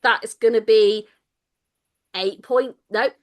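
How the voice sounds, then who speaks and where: A woman narrating as game master of a tabletop game, playful and quick to laugh. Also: on the high side, fairly even intonation. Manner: playful, laughs often, drops into silly character voices.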